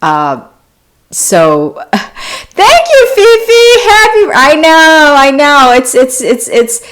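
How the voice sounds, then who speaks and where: A woman's voice: sits high, very animated, drawn-out words, a bit bright. A woman born in South Korea, hosting a wellness live stream, chatting casually and answering viewers' questions with frequent restarts. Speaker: wellness channel host.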